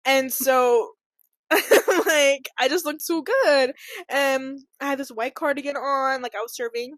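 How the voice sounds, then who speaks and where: A young woman with a high, bright voice chats casually as a podcast co-host, giggling constantly as she rambles through a story. Her speech is full of fillers and loose restarts. The recording is dry and close, with no room sound. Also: slow pace, dry recording. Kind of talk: casual chat.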